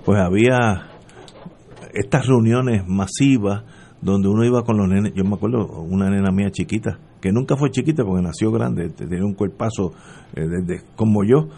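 A man's voice: fairly low pitch, moderate pace, vocal fry, mellow, breathy edge. An older man with a Puerto Rican accent hosting a talk show interview, rambling and joking as he talks. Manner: joking, rambling, laughs often. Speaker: radio talk show host.

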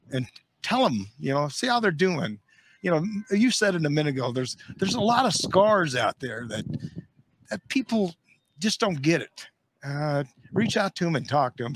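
A man's voice: mid-range voice, a bit bright, no room sound. An older American man hosting a podcast as a retired Army sergeant major, talking casually and earnestly to viewers in a folksy, emphatic way. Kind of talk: casual podcast sign-off and heartfelt address to viewers.

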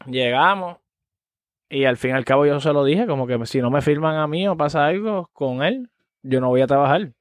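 A man, a guest telling a story in casual street slang and acting out quotes loudly. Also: fairly high pitch, moderate pace, no room sound, studio quality.

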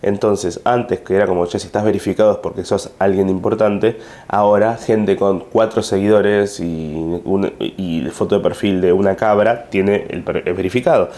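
A man's voice: deep voice, moderate pace. A man with an Argentine accent, a comedian telling a story to camera in a casual, rambling way with plenty of fillers. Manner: rambling, animated retelling with frequent fillers.

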